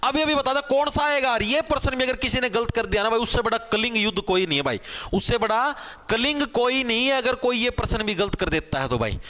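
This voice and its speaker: A male teacher leading a live online grammar class, energetic and pushing students to answer fast. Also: very high voice. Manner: calls students "bhai" again and again.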